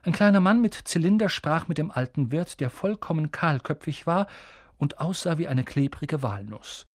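A male narrator reads a storybook aloud, his voice rising and falling with lively expression. The tone is husky and slightly breathy, and the recording is dry and close. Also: fairly high pitch, moderate pace, no room sound. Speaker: audiobook narrator. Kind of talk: expressive audiobook reading.

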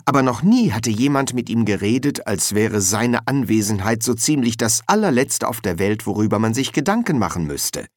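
Lively male audiobook narrator, bone-dry booth, animated delivery. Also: mid-range voice, moderate pace, hardly any pauses, no room sound.

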